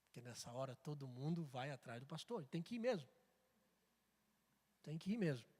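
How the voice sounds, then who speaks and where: A pastor preaching a sermon in a church, telling a story dramatically and swinging between loud and hushed. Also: male voice, fairly high pitch, big pitch swings, normal speed, breathy edge. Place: church sanctuary. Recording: echoey church hall.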